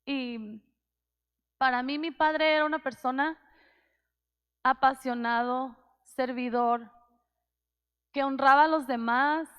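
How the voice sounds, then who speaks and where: A woman's voice: high voice, steady tone, takes it slowly, pauses often, a bit bright, clean tone. A woman in her thirties, a pastor giving a heartfelt sermon and telling a personal story with many restarts. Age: 30s. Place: church hall. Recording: long reverb of a church hall.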